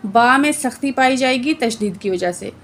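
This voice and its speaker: A woman teaching Quran recitation word by word, explaining the rules plainly and reciting verses slowly with drawn-out sounds. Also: fairly high pitch, lively intonation, a little hiss or hum. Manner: often adds "theek hai" to check understanding. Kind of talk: slow word-by-word recitation lesson.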